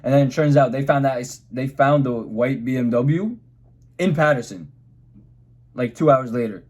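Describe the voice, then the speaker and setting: A young man tells a casual vlog story in his middle-pitched voice. He is animated, swears freely, and jumps into quick imitations of the people he quotes. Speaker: car vlogger.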